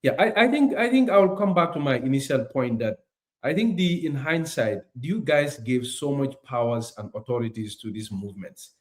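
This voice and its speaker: A man's voice: medium pitch, animated, moderate pace. A man hosting an interview, pressing his guest with repeated, pointed questions. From Gambia. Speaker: interview host.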